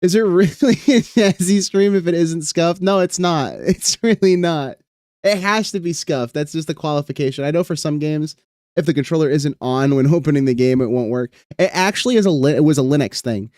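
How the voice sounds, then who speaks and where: A man's voice: on the high side, fairly quick, darkish tone, no echo, clean studio sound. A young man chatting casually on a live stream, rambling with lots of fillers and casual swearing.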